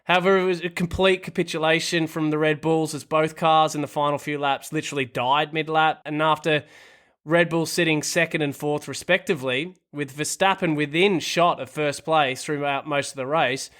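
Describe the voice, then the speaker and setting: A man with a fairly high, smooth, resonant voice steers a casual podcast conversation. He recaps at length, then hands the floor to his co-hosts with questions. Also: fairly even intonation, normal speed, fairly bright tone. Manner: leads the talk with long recaps and questions. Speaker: podcast co-host.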